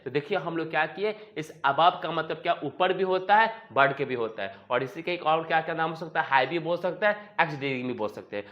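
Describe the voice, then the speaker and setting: Male teacher, fairly high voice, drills words by repeating them, muffled lo-fi audio. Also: bright, forceful tone. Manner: repeats words, asks and answers his own questions. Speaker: English teacher. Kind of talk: vocabulary lesson. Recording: dull lo-fi sound.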